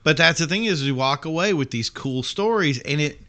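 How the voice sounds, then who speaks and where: A man talks casually as a podcast co-host. His voice is bright and tense and sits a little high. He sounds enthusiastic. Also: animated, moderate pace. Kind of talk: casual chat.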